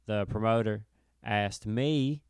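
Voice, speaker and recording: Wry man with a very clear, dry voice. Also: on the low side, takes it slowly, no room sound. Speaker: comedian and podcast co-host. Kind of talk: casual chat.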